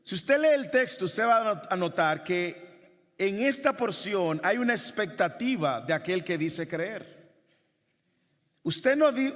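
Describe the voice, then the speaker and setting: Male pastor, high voice, emphatic sermon, repeated questions, long hall reverb. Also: a bit bright.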